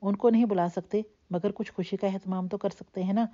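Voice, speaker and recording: A woman's voice: mid-range voice, fairly even intonation, mellow, muffled recording, close to an everyday voice. A woman reading the lines of a loving, worried older aunt who treats her nephew as a son, in an earnest, coaxing manner. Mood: fond.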